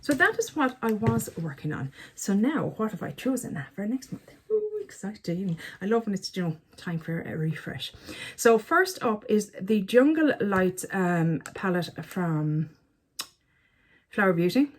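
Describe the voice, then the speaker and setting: A woman's voice: medium pitch, big pitch swings, measured pace, husky. A woman chatting casually to camera as a beauty vlogger, chatty and self-mocking, often talking to herself. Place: at home by a counter.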